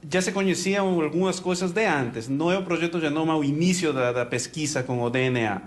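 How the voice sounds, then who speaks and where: A man, a genetics expert, explaining science in an interview, halting and repeating words. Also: a little high.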